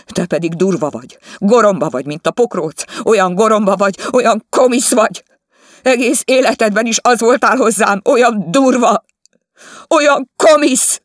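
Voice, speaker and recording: A man voicing a shrill, tearful, demanding middle-aged woman, high-pitched and pleading in an audiobook. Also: expressive, no room sound, clean studio sound. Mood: shrieking. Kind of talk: audiobook character voice.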